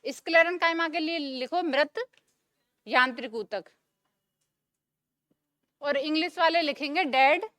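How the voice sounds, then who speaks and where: A woman's voice: high voice, measured pace, pauses often, bright, forceful tone, no room sound, clean studio sound. A young woman teaching a classroom lecture, asking the class questions and answering them herself, repeating the key terms.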